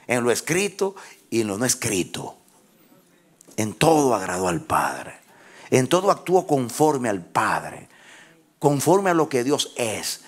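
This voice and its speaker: A man preaching a sermon as pastor, who leads his congregation in call-and-response and rises into shouted, half-sung phrases. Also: medium pitch. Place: church with congregation.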